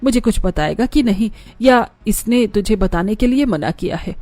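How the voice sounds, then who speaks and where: A stern, scolding mother-in-law in a cartoon story, played by a man raising his voice. Her tone is dark and mellow, with a bossy edge. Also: high voice, animated, normal speed, no echo, faint music behind, pitched above the performer's own voice. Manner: scolding, sharp. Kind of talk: cartoon voice acting.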